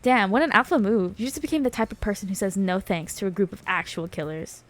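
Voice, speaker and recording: A woman's voice: medium pitch, fast. A woman on a casual gaming stream who reads game text aloud and laughs often between jokey asides.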